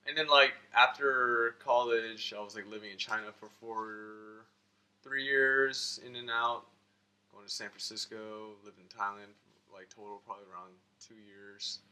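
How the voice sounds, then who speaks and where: An American man from Florida and Georgia speaks as an interview guest, rambling casually and filling his talk with "like." His lowish voice is steady, clear-toned and sharp, moving a little slowly.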